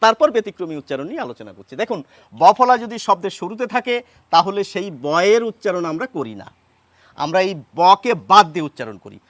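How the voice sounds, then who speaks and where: A man teaching as he writes, patient and unhurried, pausing often with fillers. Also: sits high, very animated, fairly bright tone, no echo. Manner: patient, with many pauses and fillers. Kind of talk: explaining Bengali pronunciation at a board.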